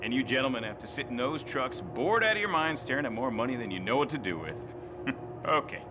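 A man's voice: medium pitch, big pitch swings, a little fast, noisy background, lightly acted. An actor playing a chatty, joking male bank security guard in a video game, making small talk with delivery drivers.

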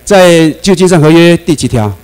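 A man with a Taiwanese Mandarin accent giving a classroom lecture, animated, often asking the class questions and laughing. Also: on the high side, moderate pace, clean tone, poor audio. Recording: mains hum under the voice.

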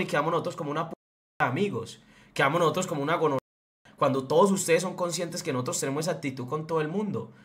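A man's voice: a little high, fairly bright tone. A young man from Colombia with a Colombian accent from Antioquia, delivering a blunt, profane, fired-up rant as a streamer. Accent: Colombian Spanish, Antioquia. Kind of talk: heated livestream rant.

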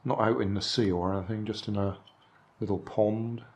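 Dry and chatty, an older man muses aloud about charity shop finds as he handles them at an indoor table for his vlog, hands in shot. He talks at normal speed in a lowish, steady voice.

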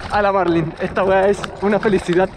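Shot on a small camera with echoey, roomy audio and a noisy background, this casual vlog features a Chilean man in his thirties speaking Chilean-accented Spanish in a voice high for a man. He talks fairly quickly, shouting excitedly on an outdoor trail ride before calmly reviewing the bike in a room with a bike stand.

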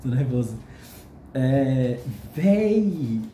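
A man with a Brazilian Portuguese accent, excitedly unboxing a book on a casual vlog, gushing and jittery with nerves. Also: mid-range voice, drawn-out words, echoey room, a little hiss or hum. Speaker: vlogger. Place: hotel room.

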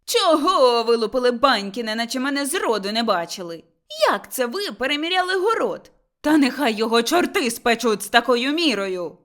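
A woman voicing a combative young village wife who shouts and scolds in a high, loud voice. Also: very animated, moderate pace, few pauses. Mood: shrill scolding.

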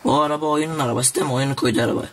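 A teenage boy casually commenting on his own gameplay, excitable and jokey, talking straight to his viewers. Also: mid-range voice, very fast. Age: teens. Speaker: gaming YouTuber.

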